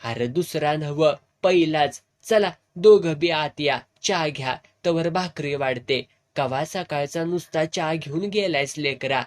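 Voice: medium pitch, a little slow, close to an everyday voice. A narrator voicing a fussing old village woman with a rural Satara accent, who coaxes the others to eat. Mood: coaxing. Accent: rural Satara Marathi. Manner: scolding, coaxing, motherly.

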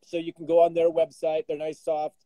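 A man chatting casually as a podcast co-host, his slightly high voice dulled and muffled as though it comes through a wall. He rambles, restarts his sentences and fills gaps with ums and uhs. The sound is dry, with no room echo. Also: completely flat delivery, brisk, warm tone. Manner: rambling, full of fillers and restarts. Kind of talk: casual chat. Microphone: remote call mic tucked in a pot.

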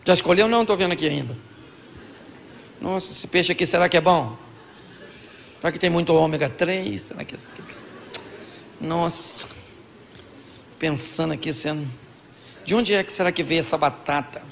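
A man's voice: a little high, normal speed, vocal fry, long pauses, fairly bright tone, long reverb tail, slight background noise. A Brazilian man preaching a comic sermon on marriage to a live congregation, acting out both partners in couples' dialogues. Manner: acts out both sides of couples' dialogues, jokey. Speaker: pastor. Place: large church hall with audience.

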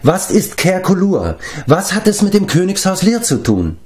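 An earnest young male hero presses for answers in a storybook reading, as a man reads him. His voice sits raised and lively, urgent and pleading throughout. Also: fairly high pitch, moderate pace, voice pushed up, natural voice. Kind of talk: audiobook character reading.

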